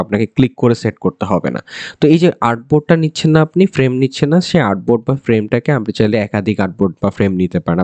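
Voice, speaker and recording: A man rattles through a software tutorial at a very fast clip. His voice is low and mellow, and it is recorded dry, with no room sound. He explains in repeated loops and keeps checking that his listeners follow. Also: no room sound. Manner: rapid, repetitive explaining with frequent fillers and checks.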